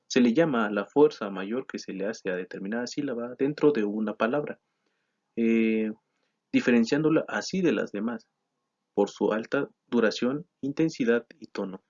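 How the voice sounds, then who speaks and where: A man's voice: mid-range voice, a little mellow. A man teaching a grammar lesson, explaining from slides with frequent "eh" and self-corrections. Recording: slightly dull lo-fi sound.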